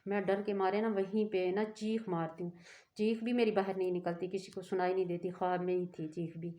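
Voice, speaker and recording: A woman's voice: fairly low pitch, little pitch movement, a little fast, dark tone. A woman telling a personal story in a rambling, earnest way that keeps interrupting itself. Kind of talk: casual storytelling to camera.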